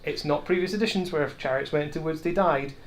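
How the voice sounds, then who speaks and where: A man's voice: a little high, quick pace, a little hiss or hum. A man chatting casually while playing a tabletop game on a livestream, self-mocking and thinking aloud with restarts.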